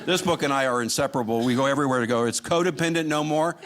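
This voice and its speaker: A man performs live stand-up comedy, addressing his audience with a dry, sarcastic lilt in a medium-pitched voice at a very fast clip. The recording of the show is noisy, with audience laughter and chatter in the background.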